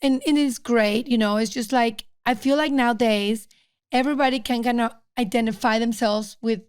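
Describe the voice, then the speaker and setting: Woman in her fifties, podcast co-host, high and chatty, dead-dry recording. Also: steady tone, normal speed, smooth, no room sound. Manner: chatty, laughs often. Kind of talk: casual chat.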